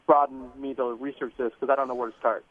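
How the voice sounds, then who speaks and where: A man calling in to a radio show over the phone, asking his question in a hurried, informal way with filler ums. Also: mid-range voice, level tone. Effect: heard over a phone line. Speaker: caller. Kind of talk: call-in question to a radio host. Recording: narrow phone-line sound.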